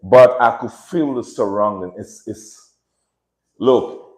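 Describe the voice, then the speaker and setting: A Caribbean-accented man, born in Dominica and raised in Saint Martin, hosts a casual livestream from a room at home with his dogs; he's a dog breeder. His voice sits on the low side with a darkish tone and slow pace, and he speaks earnestly and reflectively, repeating phrases and often checking in with "right?". The room sounds echoey.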